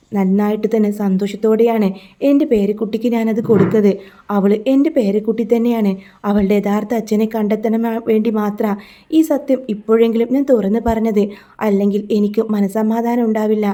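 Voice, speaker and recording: A woman voicing a grieving elderly grandfather who pleads and confesses in a slow, remorseful way. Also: mid-range voice, mellow, lightly acted.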